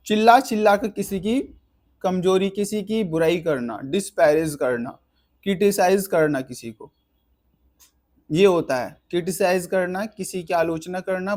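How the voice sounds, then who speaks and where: A man teaches a vocabulary lesson in a somewhat high voice. He explains patiently, spells words out letter by letter, and links each one to an easy memory trick. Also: a little mellow.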